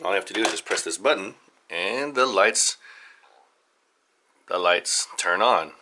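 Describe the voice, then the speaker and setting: A father hosting a family video channel, casually showing off his home studio in a halting, rambling way with lots of fillers and restarts. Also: sits low, noisy background. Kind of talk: casual studio tour vlog.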